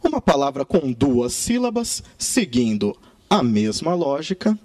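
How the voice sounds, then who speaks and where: A man teaching a grammar lesson in Brazilian Portuguese, with emphatic, drawn-out key words. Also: mid-range voice, very animated, a little mellow, dry recording.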